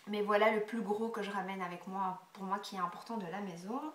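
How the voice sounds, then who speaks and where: A young woman with a congested, stuffy nose answers tag questions for her vlog in a loose, chatty way, full of hesitations and little quiet asides. Her voice comes across bright and clear in tone. She sits back from the microphone, and the room echoes around her. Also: mid-range voice, steady tone, brisk, recorded from a distance. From Belgium. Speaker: beauty vlogger. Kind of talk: casual Q&A tag video.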